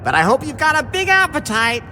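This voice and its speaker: An actor voicing a hapless middle-aged lecher in a video game, a cocky, whiny wisecracker with a theatrical delivery. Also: male voice, extremely high pitch, sing-song, brisk, sharp tone, soft background music, heavily acted. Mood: defiant, straining.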